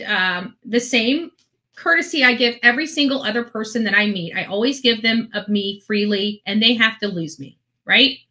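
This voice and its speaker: A woman who hosts an online video channel speaks to her followers in a casual, rambling way, her voice on the high side, bright and forceful. She is earnest and emphatic and often repeats phrases for effect.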